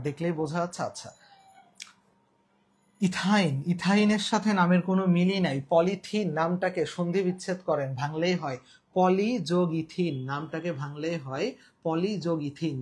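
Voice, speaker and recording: Husky Bangladeshi man teaching live. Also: fairly high pitch, normal speed, a little mellow. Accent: Bangladeshi Bengali. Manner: repeats key terms and asks viewers questions; colloquial, mixes in English words. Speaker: online exam-prep teacher. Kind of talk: live online class lecture.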